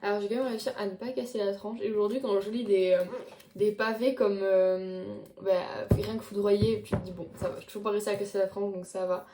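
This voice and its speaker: A woman's voice: medium pitch, flat delivery, fairly quick, dark tone, a little hiss or hum. A young woman chatting casually about books she read, with many fillers and restarts as she shows them to the camera. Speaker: book vlogger. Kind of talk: casual chat. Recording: echoey room.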